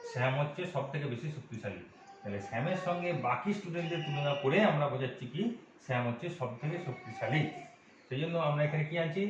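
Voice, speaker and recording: A man's voice: medium pitch, slight background noise. A man teaching an English grammar lesson to students, patiently asking and answering his own questions. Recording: echoey, distant, dull room recording.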